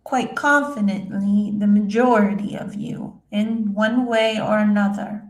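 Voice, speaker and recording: A woman speaking as a seance medium, voicing a serene female spirit guide with halting, solemn phrases and long pauses. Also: medium pitch, steady tone, close to an everyday voice. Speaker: trance channeler, seance medium. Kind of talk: trance channeling, addressing listeners as a spirit. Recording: roomy, echoing sound.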